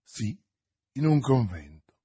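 In an audiobook reading, a man voices a cunning, vengeful noblewoman, pressing his points insistently and vehemently in a raised, intense delivery. His mid-range voice is warm and slightly rough, moving slowly with big pitch swings and heavy acting on a dry recording.

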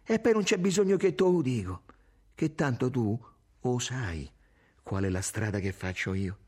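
A man reading an audiobook, voicing an upset young woman in a raised, strained pitch. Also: expressive, normal speed, darkish tone, breathy edge. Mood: upset, pleading. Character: upset young Roman woman, pleading, near tears. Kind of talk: audiobook character voice.

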